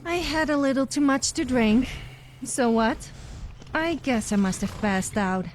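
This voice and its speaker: Woman playing Sophia, a cocky higher-voiced adventurer. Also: a little slow, slight background noise. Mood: defensive. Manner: cocky, sarcastic, teasing. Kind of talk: comedic voice acting for a video game follower.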